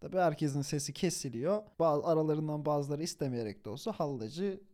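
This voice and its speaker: Young male storyteller, high voice for a man, animated and casual, slangy, restarts phrases. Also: brisk. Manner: animated, chuckles while telling; informal slang, self-corrections.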